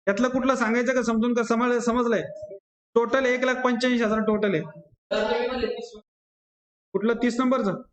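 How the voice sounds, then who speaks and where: A man with a Marathi accent teaching accountancy to a class, repeating rules and calling on students by name. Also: very high-pitched. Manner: drills rules by repetition, quizzes students by name. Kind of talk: classroom lecture. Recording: echoey classroom.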